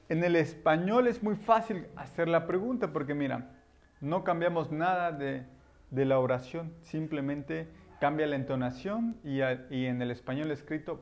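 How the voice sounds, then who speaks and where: A young man, teaching a patient grammar lesson and slowing down to model example sentences. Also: a little high. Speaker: English teacher. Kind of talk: classroom-style grammar lesson.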